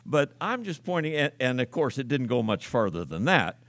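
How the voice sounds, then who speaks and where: A man's voice: mid-range voice, very animated, moderate pace, fairly bright tone, no echo. An older man preaching a conversational, folksy sermon. He tells stories and repeats key words for emphasis.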